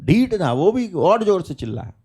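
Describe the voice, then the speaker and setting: A man's voice: sits high, big pitch swings, normal speed, a little mellow, husky. A man preaching a sermon at a live prayer meeting, talking emphatically with rhetorical questions and calls of hallelujah.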